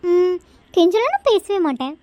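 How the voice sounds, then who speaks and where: A woman voicing a very high-pitched lovesick college girl. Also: big pitch swings, a little slow, a little mellow, no room sound, heavily acted. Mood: earnest. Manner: earnest, sulky, insistent. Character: devoted young college woman, stubborn in love. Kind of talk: amateur audio drama.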